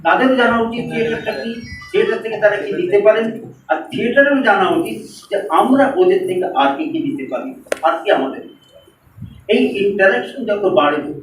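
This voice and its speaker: Bengali male speaker at a seminar, high-pitched, heard from afar in an echoey hall. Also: a little hiss or hum. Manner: engages the audience with hands-on exercises. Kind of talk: seminar talk to an audience. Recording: roomy echo from far off.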